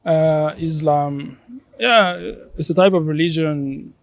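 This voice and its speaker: A man's voice: fairly high pitch, takes it slowly, no echo. A man answering interview questions casually, in a hesitant way. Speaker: street interviewee. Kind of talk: casual chat.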